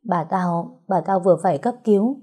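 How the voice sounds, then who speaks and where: A woman's voice: on the low side, normal speed, slightly rough. Woman voicing a fierce, desperate young woman. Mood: tearful. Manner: sharp-tongued, tearful.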